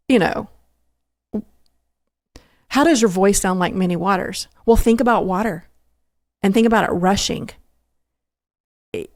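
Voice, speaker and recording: A woman guest on a podcast interview, earnestly telling a faith story, halting with restarts and fillers. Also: mid-range voice, vocal fry, no room sound, studio quality.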